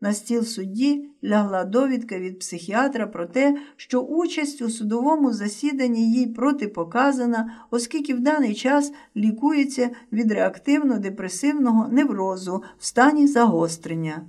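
Female story narrator, emotive measured reading, slightly distant mic. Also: fairly high pitch, darkish tone.

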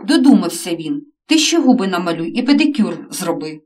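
A furious, scornful middle-aged father who shouts down his teenage son, as a woman reading a story puts him on. The voice sits at an ordinary middle height, heard a bit back from the microphone. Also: mid-range voice, big pitch swings, normal speed, recorded from a distance. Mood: angry. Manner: loud, scolding.

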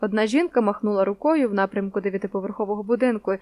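A woman reading a young-adult novel aloud as an expressive, steady audiobook narrator on a close mic. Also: mid-range voice, rapid-fire, dry recording.

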